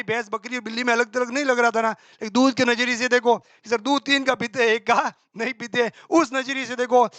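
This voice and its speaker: Bright high-voiced male accounting teacher. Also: no echo. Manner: quizzes himself aloud, answering in a student's voice; brisk and colloquial, with homely examples. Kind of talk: exam-prep accounting class.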